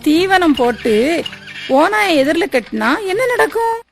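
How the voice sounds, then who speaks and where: A woman's voice: very high voice, big pitch swings, unhurried, creaky, soft background music, exaggerated voice. A woman doing a spiteful, scheming housewife. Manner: sharp, scolding, gossipy.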